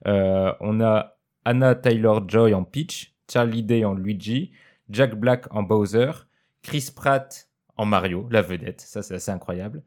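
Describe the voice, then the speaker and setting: Chatty man, low voice, lots of fillers. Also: unhurried, a little mellow. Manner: chatty, hesitant with many fillers. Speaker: podcast co-host. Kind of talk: casual chat.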